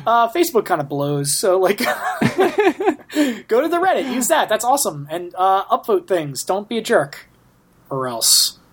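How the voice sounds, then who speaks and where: Breathy, laughing podcast host man. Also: high voice, big pitch swings, measured pace. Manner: laughing, loose and joking. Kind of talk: casual chat.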